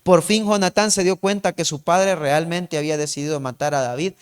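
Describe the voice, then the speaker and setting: A man's voice: on the high side, steady tone, brisk, clear, resonant tone. A male pastor preaching a sermon, retelling the story and repeatedly calling the listener his beloved brother.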